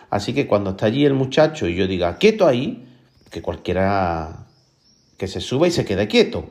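A man telling a traditional folk tale aloud, acting out the characters' lines with a raised voice. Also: creaky. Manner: lively, acts out the dialogue with raised pitch. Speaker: storyteller.

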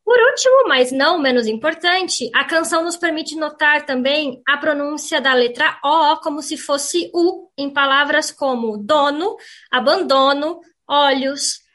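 High-pitched lady teacher explaining pronunciation on the radio, careful and clear. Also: expressive, moderate pace, few pauses, a bit bright. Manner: clear, didactic, demonstrates sounds aloud. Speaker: language teacher.

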